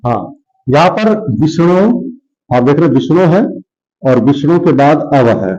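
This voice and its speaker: A man's voice: fairly high pitch, normal speed, warm tone, highs cut off. A male teacher giving a grammar lesson, who repeats words and asks and answers his own questions.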